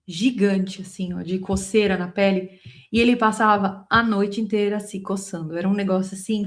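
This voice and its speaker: A woman with a Brazilian Portuguese accent, a spiritual teacher and channel host, telling a personal story straight to her viewers in an animated, emotionally involved way. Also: medium pitch. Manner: animated, keeps calling the audience "gente".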